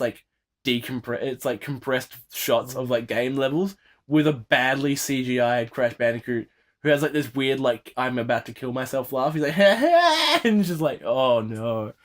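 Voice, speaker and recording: Brief: man, podcast host, mid-pitched, rambly and full of fillers. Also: fairly even intonation, normal speed. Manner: rambling, with many fillers and restarts. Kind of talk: casual chat.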